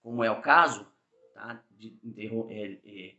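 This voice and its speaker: A man's voice: on the low side, unhurried, sharp tone, muffled recording. A man with a Brazilian Portuguese accent, a driving exam instructor giving a conversational video lesson, often checking in with "tá?" and acting out small examples. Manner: conversational, frequent "tá?" tag questions; acts out examples with small voiced asides.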